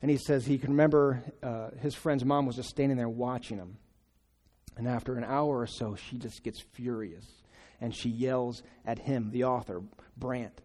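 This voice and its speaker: A man giving a sermon in a conversational, halting way, often restarting his sentences. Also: medium pitch, steady tone, mellow. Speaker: pastor. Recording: long reverb of a large hall.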